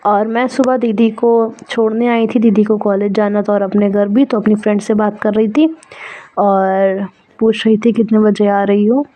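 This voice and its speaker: A woman's voice: medium pitch, little pitch movement, normal speed, warm tone. A young woman narrating her vlog in a chatty, affectionate voice-over with plenty of fillers. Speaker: vlogger.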